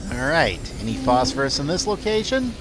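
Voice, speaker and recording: A man's voice: on the high side, very animated, fairly quick. A man giving casual let's play commentary, musing aloud as he plays. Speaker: video game player and commentator. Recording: game noise behind the voice. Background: video game sound.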